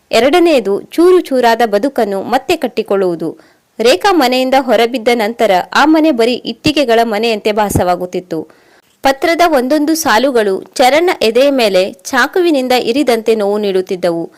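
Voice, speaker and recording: Female narrator, a touch high-pitched, even scripted storytelling for an emotional audio story.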